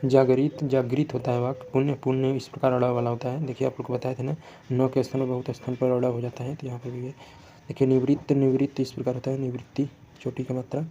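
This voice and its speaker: A man's voice: medium pitch, flat delivery, fast talker, dark tone, lo-fi sound, slight background noise. A man teaching Hindi spelling for exam prep, going word by word and often correcting himself. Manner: self-correcting, repetitive word-by-word explanation.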